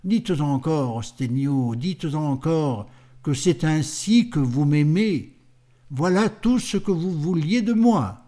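A man reading a proud, scornful young woman in an audiobook, in a cool, mocking, slow manner. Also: on the high side, lively intonation, dark tone.

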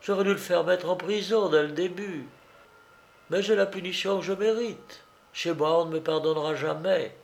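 A man's voice: high voice, moderate pace, creaky, pitched above the performer's own voice. A man voicing a distraught young woman who pleads and blames herself. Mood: remorseful.

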